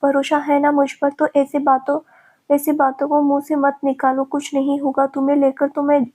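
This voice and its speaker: A woman voicing a calm, protective young man who gently reassures his frightened partner. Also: high-pitched, normal speed, close to an everyday voice. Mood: earnest.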